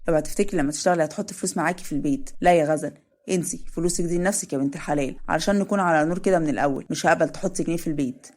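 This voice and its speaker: A woman's voice: sits low, very fast, darkish tone. A woman voicing a protective young husband with an Egyptian accent, firm and curt.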